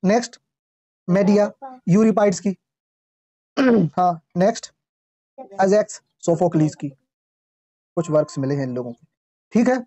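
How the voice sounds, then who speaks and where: A man teaching a class in a mellow, dark tone, reading English lines slowly before explaining them in Hindi. He quizzes his students with repeated questions and often clears his throat. The dry, dull lo-fi recording has no room echo. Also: high-pitched. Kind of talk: classroom lecture.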